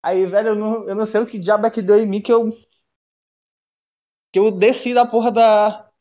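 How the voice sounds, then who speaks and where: At a normal speed and with a flat delivery, a young man whose voice sits high spins a profane, rambling tale for his friends on a call, often starting over. The highs are cut off, and he's a guest telling the story casually from a bathroom during an online class.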